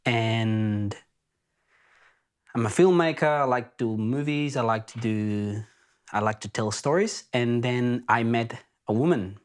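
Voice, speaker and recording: A man's voice: medium pitch, measured pace. A man from Argentina with an Argentine accent, hosting a podcast and telling his story in an earnest, reflective way. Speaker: podcast host. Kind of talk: casual spoken introduction.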